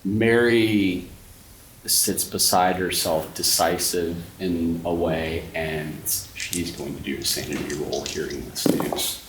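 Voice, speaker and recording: A man game-mastering a tabletop horror game, talking very slowly and deliberately. His voice is fairly low. He sounds distant from the mic, in an echoey room with faint noise. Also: steady tone. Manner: slow, descriptive, addresses players directly.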